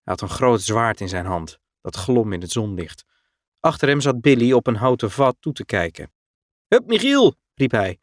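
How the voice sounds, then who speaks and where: A man reading a children's story aloud with clear, expressive storytelling. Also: on the low side, moderate pace, dry recording, studio quality. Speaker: narrator.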